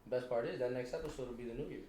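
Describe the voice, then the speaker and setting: A man's voice: mid-range voice, rapid-fire, mellow, a little hiss or hum. A man co-hosting a podcast in casual chat, laid-back and slangy, telling stories. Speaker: podcast co-host. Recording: echoey room.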